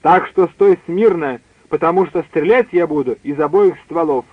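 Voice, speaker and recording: A man playing a gruff, bellowing hunter. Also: on the high side, normal speed, no echo. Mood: angry. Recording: dry tinny phone-like line.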